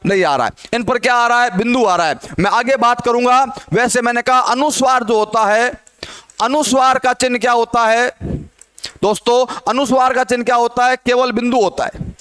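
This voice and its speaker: A man's voice: very high voice, fairly bright tone, clear, resonant tone. A man teaching a Hindi grammar lesson, who asks the class questions and answers them himself.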